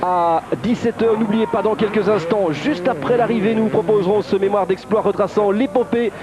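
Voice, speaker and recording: High-pitched male motorsport commentator. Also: steady tone, normal speed. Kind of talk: live motorsport race commentary. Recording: dull broadcast audio over crowd and engines.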